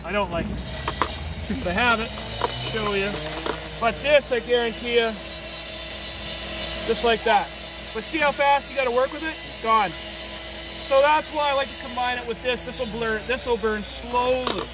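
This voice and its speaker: A man's voice: very high voice, normal speed, long pauses, music in the background. A man, a teacher giving a casual hands-on survival demonstration outdoors, often checking in with his students. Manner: casual, checks in with "okay?", chatty asides. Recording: distant outdoor mic with traffic noise.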